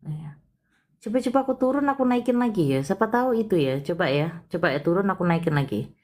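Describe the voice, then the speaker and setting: A woman hosting a live palm-reading consultation, chatty and expressive, with frequent exclamations. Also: medium pitch, fast talker. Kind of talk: casual live-stream reading.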